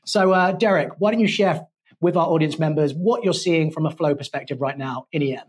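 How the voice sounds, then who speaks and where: A man with a London English accent hosts a studio podcast, his voice sitting a little high for a man. His delivery is polished, playful and wordy. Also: brisk, slightly rough. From England. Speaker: podcast host. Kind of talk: corporate podcast hosting.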